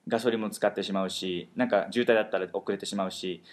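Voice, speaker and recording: A man hosting a talk, explaining pronunciation in an animated way and slowing down on key words for emphasis. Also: on the low side. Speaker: host teaching pronunciation. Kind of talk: explanatory chat.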